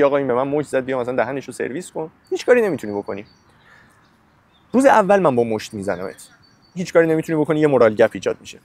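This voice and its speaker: Animated man summarizing a book. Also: medium pitch. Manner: animated, talks straight to the listener with slangy examples. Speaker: podcast host summarizing a book. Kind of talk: casual spoken book summary.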